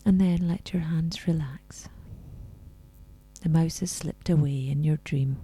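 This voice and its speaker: Woman, soft near-whispered spa delivery, very mellow, unhurried, breathy, guided meditation narration. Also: deep voice, no room sound. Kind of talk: scripted guided relaxation meditation.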